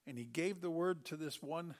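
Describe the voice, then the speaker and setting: A middle-aged man preaching a sermon, telling Bible stories with animated delivery and acting out the characters. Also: fairly high pitch, moderate pace.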